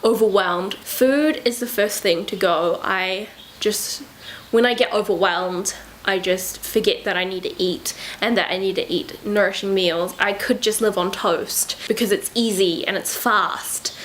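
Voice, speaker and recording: A woman's voice: medium pitch, measured pace, a bit bright, slight background noise, low-quality recording. A young woman talking casually and reflectively to the camera in a lifestyle vlog, with many fillers and self-corrections. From Southern Hemisphere. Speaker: lifestyle vlogger.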